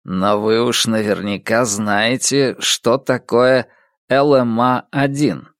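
A man's voice: medium pitch, steady tone, takes it slowly, no echo, studio quality, lightly acted. A man reading the part of a skeptical, insistent Russian astronomer who keeps pressing with questions, in an audiobook.

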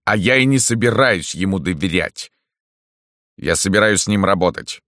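A man reading a calm, confident boss figure with a measured, authoritative manner in an audiobook. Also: sits low, dry recording, clean studio sound, pitched above the performer's own voice. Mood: commanding.

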